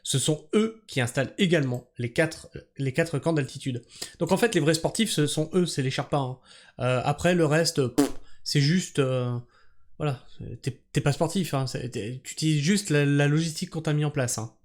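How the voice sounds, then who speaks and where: A man's voice: on the high side, normal speed. Sarcastic, swearing French commentator man. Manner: sarcastic, profane, exasperated asides. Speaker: commentator reacting to a news article. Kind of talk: reading an article aloud and ranting about it.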